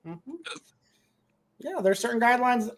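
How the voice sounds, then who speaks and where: A man's voice: very high voice, animated, a little slow. A man speaking as a contractor on a casual panel discussion, blunt and rambling with many restarts.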